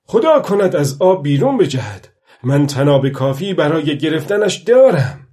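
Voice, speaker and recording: A man's voice: on the high side, sing-song, pitched above the performer's own voice. Male narrator doing a weathered old fisherman, patient and stubborn, raising his voice at sea in an audiobook. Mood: hopeful. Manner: calls out loudly across the water.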